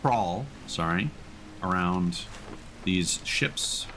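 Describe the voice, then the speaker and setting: Thinking aloud while he plays, a game streamer offers casual live commentary in a low, expressive, fairly bright voice. He talks very slowly, and the low-quality recording carries faint game noise in the background.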